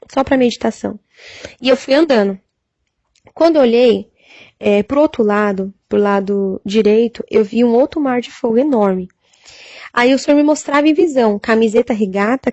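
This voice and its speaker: A woman's voice: on the high side, a little mellow, no echo. Brazilian woman testifying a vision. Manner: halting, many fillers, cites Bible verses. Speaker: church sister giving testimony. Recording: dull lo-fi recording, dry sound.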